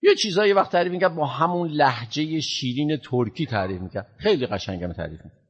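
A man giving a sermon, telling a story in a lively way, rising loud and dropping low. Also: slightly rough. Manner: animated, swings from loud to hushed. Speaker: preacher. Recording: dull lo-fi sound.

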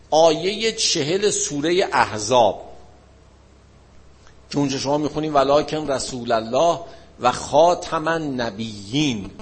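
A man giving an informal religious lesson, explaining points and asking and answering his own questions. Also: on the high side. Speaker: religious teacher.

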